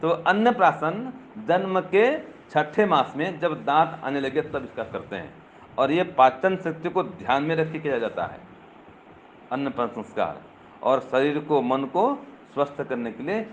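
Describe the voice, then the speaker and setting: A man's voice: mid-range voice, animated, normal speed, slight background noise. An older man delivering a teaching sermon to a live audience. He keeps asking rhetorical questions and speaks to listeners directly. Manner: addresses listeners directly, teasing. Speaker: swami. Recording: dull lo-fi recording with faint ambience.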